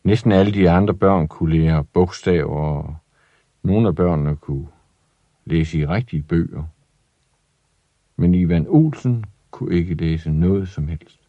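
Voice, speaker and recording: A man reading a children's story aloud in an expressive, lively way. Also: deep voice, no room sound, muffled recording.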